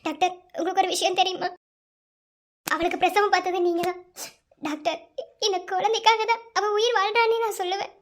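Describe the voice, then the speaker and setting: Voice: very high-pitched, fairly even intonation, fairly quick, pauses often, a bit bright. A voice actor playing a young mother who pleads and repeats herself, frantic and tearful over her sick child. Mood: pleading.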